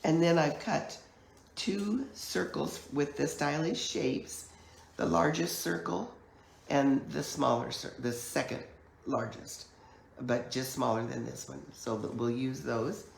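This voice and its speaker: A woman with a croaky, hoarse voice from a chest cold, giving a chatty, step-by-step live online card-making class at her craft table. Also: extremely low pitch, a little hiss or hum. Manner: chatty, unhurried step-by-step explaining. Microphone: camera mic at a craft table. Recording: echoey room.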